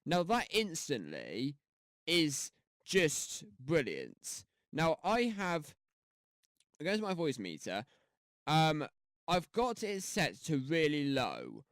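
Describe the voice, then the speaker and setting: Speaking slowly into a gaming headset mic, a man with a highish, slightly bright voice and wildly swooping pitch hosts a casual screen-recorded YouTube tutorial on audio editing. He rambles, full of fillers and restarts, and the recording is studio quality with no echo.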